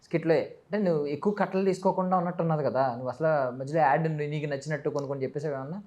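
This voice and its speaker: A woman interviewing a child guest in a relaxed, playful way, teasing him with a stream of questions and mixing English words into her speech. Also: low voice, rapid-fire. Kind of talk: casual interview chat.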